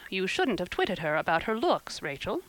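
A woman's voice: fairly low pitch, very animated, no echo, poor audio. Woman playing a dry, resolute guardian woman. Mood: slow, reproving. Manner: dry, measured, firm.

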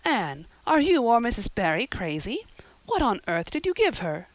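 A woman reading an audiobook, voicing a stern, practical older woman who scolds briskly and plainly. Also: a little high, very animated, no room sound, pitched above the performer's own voice. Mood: stern, dry. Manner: brisk, scolding and matter-of-fact. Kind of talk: audiobook character voice.

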